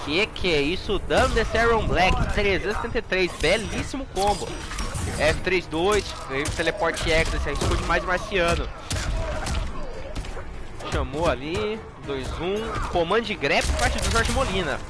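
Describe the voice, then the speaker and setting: A man with a Brazilian accent giving excitable, slangy live fighting game commentary, full of jargon. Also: sits high. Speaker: esports match commentator. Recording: game music behind the voice.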